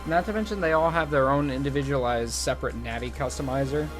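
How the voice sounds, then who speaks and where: Dry wry guy on a game podcast, mid pitch, faint music behind. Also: fast talker. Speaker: podcast co-host. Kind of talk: casual gaming podcast chat.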